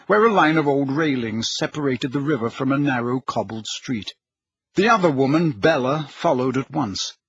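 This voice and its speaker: A man narrating an audiobook in a measured, dramatic storytelling manner with a husky voice. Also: mid-range voice, a bit bright. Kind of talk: scripted narration. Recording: dull lo-fi recording.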